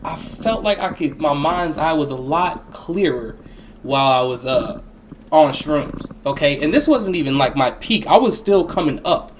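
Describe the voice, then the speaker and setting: A man's voice: fairly high pitch, lively intonation, moderate pace, a little hiss or hum. A young man telling a personal story in a casual, rambling way, with plenty of slang and swearing. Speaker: storyteller recounting a personal experience.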